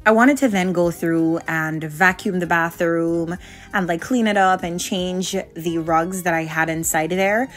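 A woman's voice: lowish voice, fairly even intonation, unhurried, soft background music. A woman in her late twenties from Jamaica, narrating a home cleaning vlog in a candid, conversational voice-over. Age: late 20s. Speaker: vlogger.

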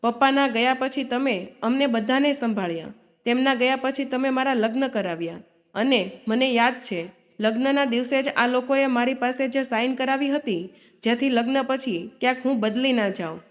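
A woman's voice: sits high, normal speed, close to an everyday voice. A woman voicing a firm outspoken daughter. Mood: confronting. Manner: firm, scolding. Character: outspoken grown daughter defending her mother.

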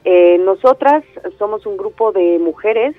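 In a phone interview on a muffled line, a woman from Andalusia, Spain, who directs a theatre company, speaks with enthusiasm in a Mexican-tinged Spanish accent, often using fillers and restarting sentences. Recorded via telephone with no echo, her medium-pitched voice is unhurried and lively in intonation.

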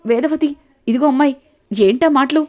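A woman's voice: high-pitched, moderate pace, warm tone, natural voice. A woman voicing a stern middle-aged mother-in-law who scolds the young women of the house. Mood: scolding.

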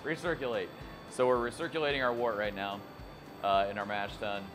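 A man's voice: medium pitch, fairly quick. A man in his thirties, a brewery co-owner, talking casually and a bit hesitantly, with many fillers. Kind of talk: casual on-camera explanation. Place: brewery taproom and brewhouse. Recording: music playing behind.

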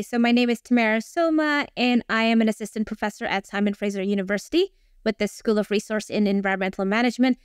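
A woman's voice: on the high side, clear, resonant tone, dry recording, clean studio sound. A woman from Indonesia, in her forties, a guest professor talking over a video call with many ums. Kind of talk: casual interview.

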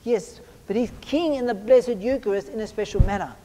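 A man preaching a simple, earnest sermon to children as a priest, speaking deliberately with pauses. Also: high voice, dark tone. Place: church. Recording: reverberant church hall.

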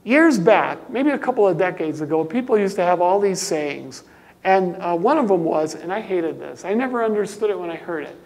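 An older man, a pastor preaching a sermon, emphatic, dropping to quiet asides and rising to loud exclamations. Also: sits high, animated, moderate pace, creaky, long reverb tail.

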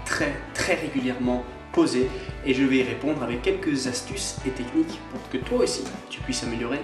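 A man's voice: medium pitch, fairly quick, echoey room, music in the background. A man from Scotland, an online English teacher, giving a chatty video lesson and drilling words by repetition. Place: on holiday, away from usual setting.

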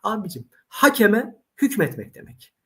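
Lively, animated Turkish-speaking man teaching. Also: high-pitched, moderate pace. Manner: animated storyteller, addresses audience directly. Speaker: Arabic teacher. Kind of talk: casual interview conversation.

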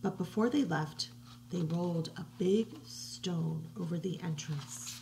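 A middle-aged woman reading a picture book aloud to children from her living room, slow and hushed with soft whispery passages, recorded on a webcam. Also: fairly low pitch, gravelly, a little hiss or hum, rough recording. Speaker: children's religious educator. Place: living room at home, indoors. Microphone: webcam at desk distance.

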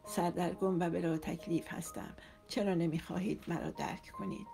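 A woman voicing a worried middle-aged mother who pleads softly and quietly in an audiobook. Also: on the low side, steady tone, vocal fry, faint music behind. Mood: pleading. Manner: soft, hushed and imploring.

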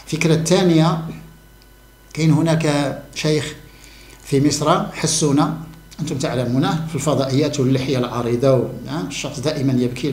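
A man's voice: medium pitch, darkish tone, echoey room. A man giving an emphatic monologue to camera, repeating key words for stress. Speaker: religious commentator.

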